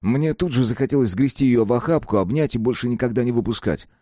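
A man's voice: medium pitch, animated, fast, dark tone, no echo, clean studio sound. A man narrating an audiobook dramatically, acting out the dialogue. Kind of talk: scripted narration.

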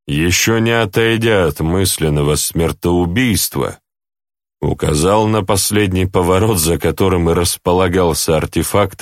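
Deep-voiced man reading a story. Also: no echo, clean studio sound. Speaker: audiobook narrator. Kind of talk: scripted first-person narration.

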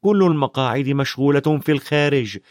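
A man's voice: medium pitch, fairly quick, darkish tone, dry recording, clean studio sound, natural voice. A man voicing a shy, curious young boy in a storybook reading, asking eager plain questions.

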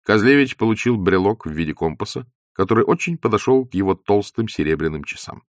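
A man reading literary prose aloud in a measured, expressive way. His voice sits somewhat low and moves through a lively range of intonation. The recording is close and dry, with no room sound. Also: no room sound. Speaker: audiobook narrator.

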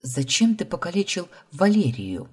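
A woman's voice: lowish voice, big pitch swings, normal speed, husky, pitched above the performer's own voice. A woman reading the lines of a desperate, heartbroken young heroine, pleading and tearful. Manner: pleading, tearful, rising to outbursts.

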